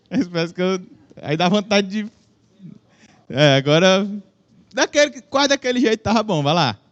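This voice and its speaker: A young Brazilian man preaches in a high-pitched voice, going a little slowly with long pauses, and the sound is lo-fi. His casual church-hall sermon, in a Brazilian Portuguese accent, is chatty and self-deprecating, with jokes and audience questions, delivered into a microphone with a stage monitor.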